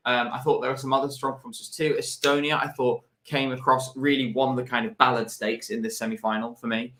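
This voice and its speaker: A man's voice: mid-range voice, little pitch movement, fairly bright tone. Tired, hesitant male stream co-host. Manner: measured, hesitant, many fillers. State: tired, yawning. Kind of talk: casual live-stream commentary.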